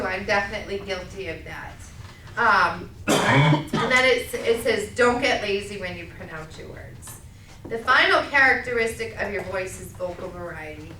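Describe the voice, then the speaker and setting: A middle-aged woman with a Massachusetts accent teaching a speech class, loud and projecting, checking in with "okay?" as she goes. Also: medium pitch, distant mic, slight background noise. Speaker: college speech instructor. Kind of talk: classroom lecture. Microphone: camera at a distance. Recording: echoey classroom recorded from afar.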